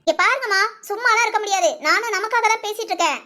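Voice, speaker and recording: A woman's voice: very high voice, quick pace, pushed and bright. A woman voicing a feisty, argumentative young village wife in a cartoon. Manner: argumentative, giggly, stammering. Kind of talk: cartoon voice acting.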